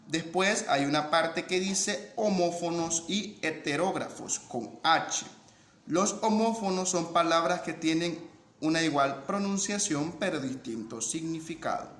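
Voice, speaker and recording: A man's voice: fairly high pitch, a bit bright. A man teaching a language lesson, explaining patiently and checking in with his students. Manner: patient, repeats points and asks ¿verdad?. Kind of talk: classroom lesson explaining phonetics. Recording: echoey room with faint noise.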